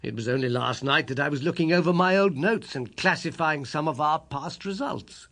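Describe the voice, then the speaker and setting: A man voicing a genial, modest young British doctor in an audiobook, husky and amiable, a little hesitant and puzzled. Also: on the high side, normal speed, fairly bright tone. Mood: amiable, agreeable.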